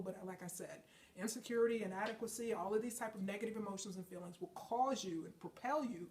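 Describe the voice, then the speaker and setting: A woman fitness trainer, congested from a chest and sinus infection, delivers an emphatic, preachy motivational talk in a mid-range voice. She keeps checking in with listeners using "okay?" and "folks," and the distant recording carries a little hiss or hum.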